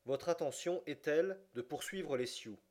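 This is a resolute English gentleman, read by a man in an audiobook. He speaks in a measured, curt way and stays steady and cool. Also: fairly high pitch, voice pushed up, natural voice. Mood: firm. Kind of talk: audiobook reading.

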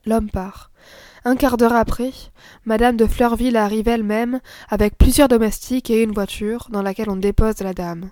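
A woman reading a story aloud in a measured, expressive narration. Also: fairly high pitch, dry recording, studio quality. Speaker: audiobook narrator. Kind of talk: scripted narration.

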